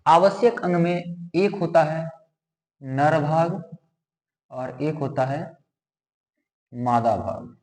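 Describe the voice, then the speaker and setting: A man's voice: fairly high pitch, takes it slowly, pauses often, a little mellow. A man teaching a biology lesson, asking questions and answering them himself as he repeats each term. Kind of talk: classroom lesson with drawing. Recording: echoey room with long reverb.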